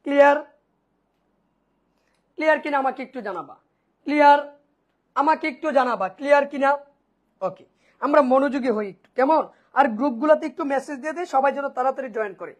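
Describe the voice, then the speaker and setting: A woman's voice: high-pitched, fast talker, long pauses. A woman teaching an online accounting class, asking and answering her own questions and repeating key points, often checking whether students follow.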